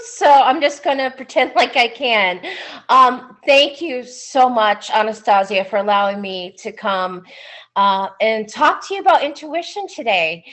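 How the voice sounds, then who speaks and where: Slow-talking woman presenting a webinar. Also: a little high. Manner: unhurried, chatty, frequent "um"s, warm enthusiasm. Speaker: psychic medium giving a webinar talk. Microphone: computer mic on a video call.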